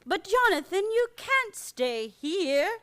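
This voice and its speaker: An actress playing a fussy, secretive elderly aunt, gently bossy, in old-time radio comedy style. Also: female voice, very high voice, very animated, takes it slowly, no room sound, exaggerated voice. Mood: dismayed.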